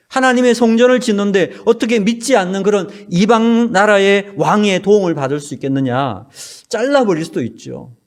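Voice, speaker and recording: A male pastor preaching an earnest sermon in a church, his voice dropping low at the ends of phrases. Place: church sanctuary.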